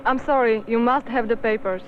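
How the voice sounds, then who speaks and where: An actress dubbing a hospital nurse who is apologetic but firm. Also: female voice, on the high side, extremely slow, background noise. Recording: muffled film audio with loud music.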